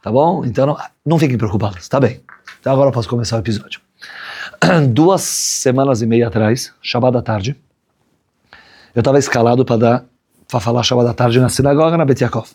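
A man's voice: mid-range voice, a little fast, long pauses, a little mellow. A man, a rabbi giving a chatty Torah class, often checking in with his listeners. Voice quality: husky. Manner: chatty, checks in with "right?" tags. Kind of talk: conversational Torah lesson with a story.

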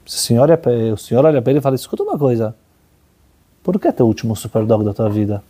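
Man, religious teacher, lively storytelling sermon, husky and mellow tone, acts out the characters. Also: medium pitch, racing. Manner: animated storyteller, voices characters in dialogue.

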